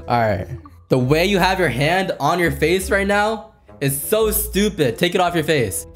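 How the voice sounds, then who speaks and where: A young man vlogging video chats with strangers, loud and bursting into screams, out of breath and a bit hoarse. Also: high-pitched, expressive, measured pace, loud music behind the voice. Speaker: YouTuber. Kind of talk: video chat vlog.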